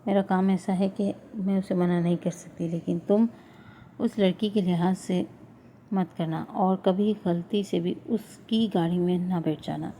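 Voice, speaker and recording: A woman's voice: on the low side, fairly even intonation, dark tone, slight background noise, close to an everyday voice. A woman voicing a worried, strict middle-aged mother in a storybook reading. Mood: stern.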